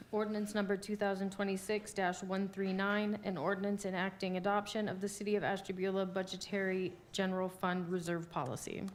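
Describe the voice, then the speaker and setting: American female clerk, flat formal minutes reading, little pitch movement, noisy room ambience. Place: indoor council meeting.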